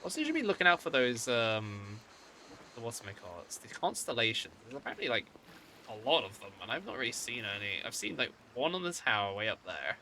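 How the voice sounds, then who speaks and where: A man's voice: medium pitch, very animated, a little fast, bright, forceful tone, a little hiss or hum. A man giving casual live gameplay commentary as a streamer, often muttering to himself. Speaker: game streamer.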